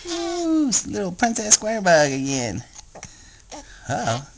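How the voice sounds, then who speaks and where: Woman with a low voice that swoops around, baby talk at home. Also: very animated, normal speed. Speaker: family member cooing at a baby. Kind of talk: casual home video chat.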